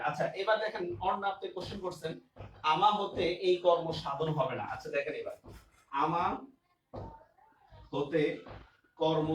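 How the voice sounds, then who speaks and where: Male teacher, high voice, keeps checking understanding, distant mic, roomy echo, faint background noise. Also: a bit bright. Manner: repeats examples and keeps asking if students understand. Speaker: grammar teacher. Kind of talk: online class lecture.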